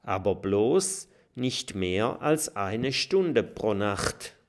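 A man's voice: lowish voice, big pitch swings, extremely slow, full character voice. A man voicing Willi, the explaining badger.

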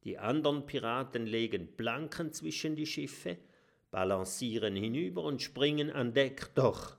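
A man narrating a children's storybook with a lively, expressive reading. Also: medium pitch, gravelly. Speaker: audiobook narrator.

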